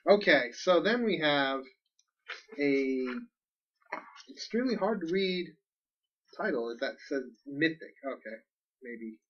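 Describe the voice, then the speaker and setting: A man's voice: fairly high pitch, animated, slow pace, long pauses, distant mic, muffled recording. A man co-hosting a casual podcast, rambling and laughing as he unboxes comics. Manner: chatty, laughs often, rambling. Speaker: podcast co-host.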